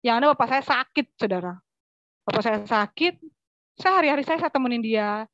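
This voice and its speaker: A woman's voice: fairly high pitch, lively intonation, brisk, a bit bright, no room sound, dull audio. A woman from West Sumatra giving an earnest church testimony, often turning to address her listeners directly. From West Sumatra, Indonesia. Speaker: testimony speaker.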